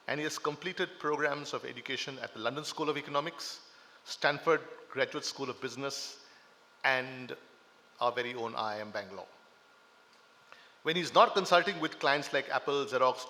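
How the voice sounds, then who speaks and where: A man's voice: mid-range voice, sharp tone. A man with a mid-range voice reads out a guest speaker's introduction. He jokes along and trips over his words now and then. The long reverb of a large hall hangs on every word. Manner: jokey, stumbles over words. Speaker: event emcee.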